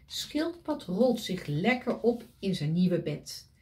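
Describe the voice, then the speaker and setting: A woman's voice: medium pitch, very animated, slow, mellow. A woman reading a picture book aloud to children, pointing at the pictures and asking them questions.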